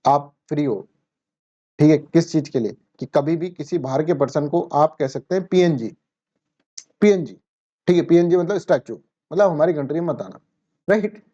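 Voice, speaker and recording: Man, exam coach, mellow and talky, lo-fi recording. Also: on the high side, normal speed. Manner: chatty, asks and answers his own questions. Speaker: current affairs teacher. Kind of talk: exam-prep lecture. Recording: dull lo-fi sound.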